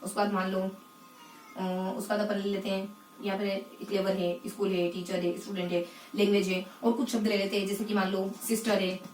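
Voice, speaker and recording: A woman teaching English phonetics in a lesson, asking the class questions and answering them herself, and repeating key words slowly. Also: medium pitch, little pitch movement, a little mellow, echoey room, recorded from a distance, slight background noise. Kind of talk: explanatory lesson in Hindi.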